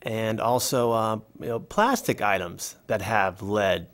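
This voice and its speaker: A man's voice: lowish voice, measured pace, fairly bright tone. A man reading an English voice-over for a signed conversation, in a conversational scripted style. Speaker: voice-over for a signing speaker.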